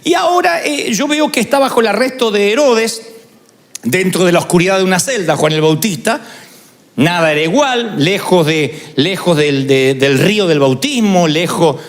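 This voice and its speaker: A man preaching a sermon as pastor, lively and dramatic, acting out the voices of people he quotes. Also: high-pitched, normal speed, long reverb tail.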